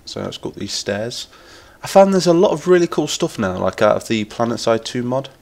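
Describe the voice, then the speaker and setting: Very animated and brisk, his mid-range voice is a little mellow with some vocal fry. The speaker is a Lincolnshire man with an English accent, nasal from a cold, chatting and rambling enthusiastically on a gaming stream while reading chat aloud.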